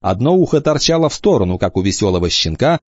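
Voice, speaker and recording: A man reading a children's novel aloud in an expressive way, shifting into voices for the characters. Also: fairly low pitch, fast, no room sound, lo-fi sound. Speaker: audiobook reader.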